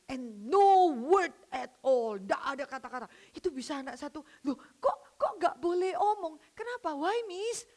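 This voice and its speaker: Woman vicar, high-pitched, animated sermon full of acted dialogue. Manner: animated storytelling, acting out dialogue with many pitch jumps. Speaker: vicar preaching. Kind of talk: lively sermon to a women's fellowship.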